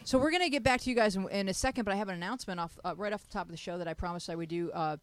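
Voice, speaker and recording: A woman's voice: medium pitch, racing. Middle-aged woman, talk-show host, playful banter, handheld mic, small studio. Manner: playful, chatty, jokey. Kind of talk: casual talk-show hosting. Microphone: handheld mic, headphones on.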